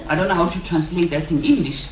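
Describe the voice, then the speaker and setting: Speaking quickly in a voice on the low side, a conference organiser from South Africa, a native South Sotho speaker, welcomes delegates and runs through housekeeping inside a conference venue. She keeps it informal and full of jokes, chatting to them colloquially as colleagues. A distant mic gives a roomy sound, and background noise comes through clearly.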